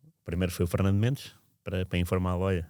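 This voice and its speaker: Low-voiced man. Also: flat delivery, very fast, a little mellow, clean tone, no echo, studio quality. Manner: reflective, meandering, frequent restarts. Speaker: podcast storyteller. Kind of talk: casual spoken recollection.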